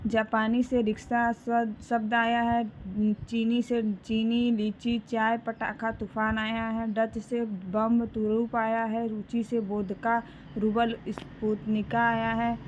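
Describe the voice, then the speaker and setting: A woman teacher giving an exam-prep lesson, slowly reading out lists and reminding students to memorize them. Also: a little high, darkish tone. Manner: slow, deliberate listing with repeated reminders to memorize. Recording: slightly dull recording with faint room noise.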